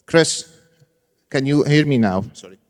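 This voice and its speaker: A man's voice: medium pitch, lively intonation, unhurried. Male conference speaker, short informal phrases, moderately varied intonation, big echoing hall. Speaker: conference speaker, assistant professor. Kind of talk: live conference presentation. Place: large conference hall with audience. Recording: reverberant large hall sound system.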